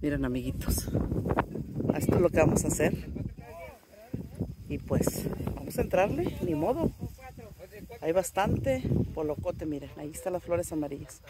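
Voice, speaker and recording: A woman's voice: low-pitched, very animated, moderate pace, long pauses, heavy background noise. A woman with a northern Mexican accent, chatting casually to her viewers as a vlogger, filming on a phone while working outdoors in a rural field. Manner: chatty, addresses viewers as little friends, playful exclamations. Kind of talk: casual vlog chat to viewers.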